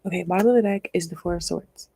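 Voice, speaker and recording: A woman's voice: lowish voice, fast, background noise. A young woman giving a casual tarot reading, chatty and rambling, laughing often and acting out what people might say. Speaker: tarot reader.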